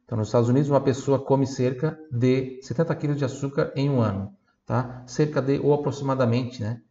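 A man teaching Italian pronunciation, patiently explaining and slowly repeating phrases for learners to echo. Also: medium pitch, mellow, muffled recording. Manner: slow, drilling repetition of phrases. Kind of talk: online language lesson.

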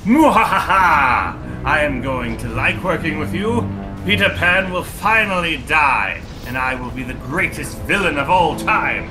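Actor as vengeful pirate captain for audio drama: slow, hammy menace, mid-pitched, music underneath. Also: expressive, natural voice, low-quality recording. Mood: gloating. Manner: slow, theatrical villain menace. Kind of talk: theatrical audio drama villain acting. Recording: music behind the voice.

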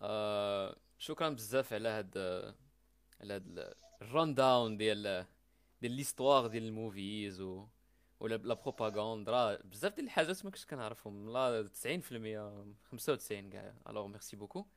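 A man's voice: on the low side, quick pace, smooth, dry recording. A man with a Moroccan accent asking questions casually and hesitantly, mixing Arabic with French. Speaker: discussion participant asking questions. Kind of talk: casual interviewing. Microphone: online call microphone.

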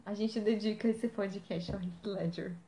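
A woman's voice: medium pitch, steady tone, normal speed, dark tone. A young woman co-hosting a podcast, chatting casually and exclaiming often. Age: young adult. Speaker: podcast co-host. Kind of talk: casual chat. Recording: echoey room, faint background noise.

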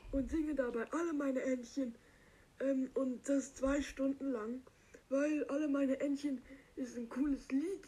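A dim-witted green cactus fellow, voiced by a man through a voice changer that lifts him high and soft. He drawls slowly in a dark, mellow tone and rambles on with silly, halting asides. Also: rough recording. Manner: rambling, silly, slow, halting with many fillers. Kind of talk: comic character monologue.

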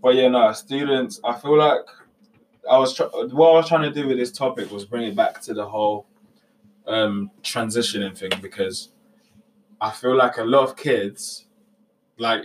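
A young man with a London roadman accent, talking casually and meanderingly in slang. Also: on the low side. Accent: London, urban street slang. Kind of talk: casual group chat. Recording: distant mic with background noise.

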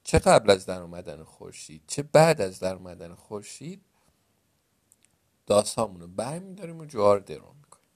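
A practical older brother from a storybook tale, voiced by a male narrator, speaking low and reasonably as he tries to settle things. He sounds patient but worn down. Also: big pitch swings, a little mellow. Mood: reasoning. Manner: reasoning, gives in then insists.

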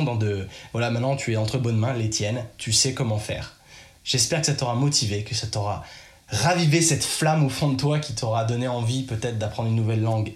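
A man talks straight to his viewer in a relaxed, encouraging way, drawing out key phrases to let them land. His mid-range voice bounces around a noticeably roomy space. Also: medium pitch. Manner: encouraging, addresses viewer directly, slows for emphasis. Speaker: language-learning vlogger. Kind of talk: casual motivational talk to camera.

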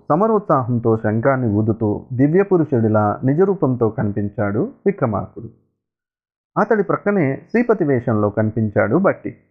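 A man narrating a story in a lively, dramatic storytelling manner. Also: medium pitch. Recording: tinny phone-like sound.

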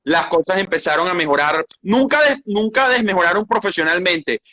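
In a casual interview, a high-pitched Venezuelan-accented man, a sports journalist, tells his stories at a moderate pace. His storytelling is animated and he restarts often.

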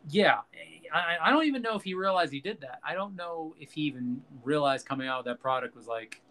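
Bright-voiced man riffing casually. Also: fairly high pitch, animated, fairly quick. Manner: loose, profane, laughs at own jokes. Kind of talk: casual film chat.

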